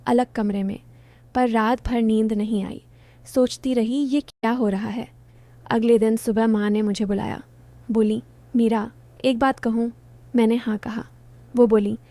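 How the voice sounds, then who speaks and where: Soft-toned woman telling a love story. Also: fairly high pitch, no room sound. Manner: gentle, simple short sentences. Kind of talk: first-person story narration.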